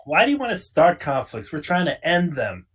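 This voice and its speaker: Earnest man pushing forty, fairly high voice. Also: huge pitch swings, normal speed, breathy edge. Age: late 30s. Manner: earnest, explaining, many "you know" fillers. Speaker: podcast co-host. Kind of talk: casual conversational talk.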